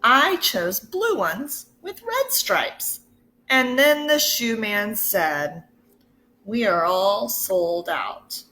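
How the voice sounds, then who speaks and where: A woman teacher reads a picture book aloud to children, expressive and deliberate, pausing to ask her listeners questions. Her voice is medium in pitch.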